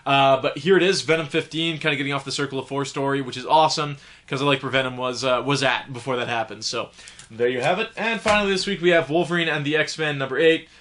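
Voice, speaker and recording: A man's voice: mid-range voice, fast, a bit bright. A young man hosting a comic book review show, talking casually and enthusiastically while getting over the flu, with lots of fillers. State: sick with a cold or flu. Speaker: comic book podcast host.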